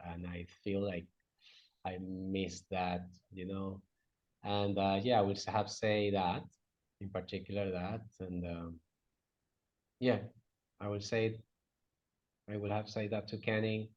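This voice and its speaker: A low, slightly mellow male voice moves slowly and flatly, with long pauses, as a Venezuelan guest and native Spanish speaker answers interview questions in English. He stumbles with fillers, restarts and grammatical errors, all captured on a dull, lo-fi recording.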